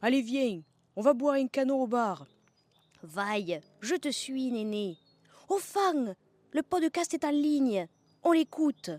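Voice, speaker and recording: Woman doing a chatty provençal villager, thick southern accent, high and teasing, folksy podcast sketch. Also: slow pace, dry recording. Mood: animated banter. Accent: exaggerated Provençal. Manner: folksy, slangy, lively.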